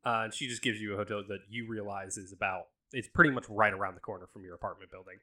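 A man narrating as game master in a casual, relaxed way. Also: on the low side, fast talker.

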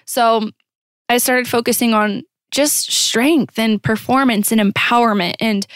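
A woman's voice: fairly high pitch, fairly even intonation, measured pace, dry recording, clean studio sound. A young woman telling a candid, self-deprecating personal story to camera, with many restarts. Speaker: vlogger.

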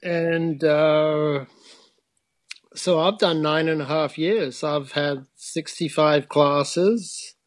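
A man's voice: on the high side, steady tone, extremely slow, dry recording. Middle-aged man explaining at length. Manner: thoughtful, explanatory, hesitant restarts. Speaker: frame-building teacher, guest. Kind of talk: conversational interview.

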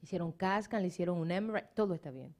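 A middle-aged woman pastor preaches a sermon in a lowish voice, talking fast. She tells stories with animation and emphasis, slipping English words in along the way.

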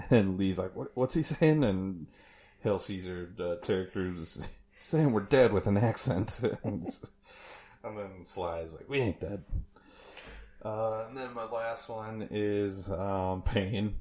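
A man with a very low voice co-hosting a laid-back movie podcast. He talks in an easygoing way, laughs along with his partner and moves the show from one segment to the next. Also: fairly even intonation, slow pace, warm tone. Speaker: podcast co-host. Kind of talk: casual movie review chat.

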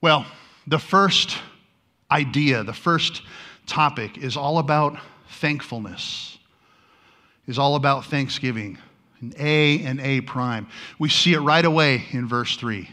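A man's voice: mid-range voice, takes it slowly, pushed and bright. A man preaching a teaching sermon in a conversational way, often restarting his sentences and adding wry asides to the congregation. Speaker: pastor.

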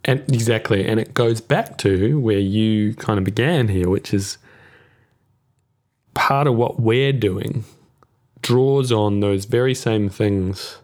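Casting: thoughtful male podcast host, lowish voice, gentle, reflective delivery. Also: slow pace. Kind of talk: reflective conversation.

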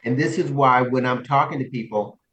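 A man coaching and co-hosting, telling stories in a casual chat, animated and laughing often. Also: mid-range voice, a little fast, echoey room, recorded from a distance, highs cut off. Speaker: coach and podcast co-host.

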